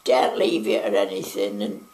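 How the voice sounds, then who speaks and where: A woman's voice: rumbling low, huge pitch swings, normal speed, gravelly, a little mellow. A woman in her nineties with a Mancunian accent, chatting her way through wartime memories in an oral history interview at home, with plenty of asides. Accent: Mancunian English. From Manchester, England. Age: 90s. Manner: chatty, rambling reminiscence with frequent asides. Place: living room at home.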